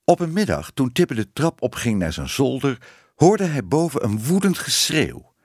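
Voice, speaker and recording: A man reading a children's storybook aloud in an expressive, animated way. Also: medium pitch, normal speed, no echo, studio quality. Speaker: narrator.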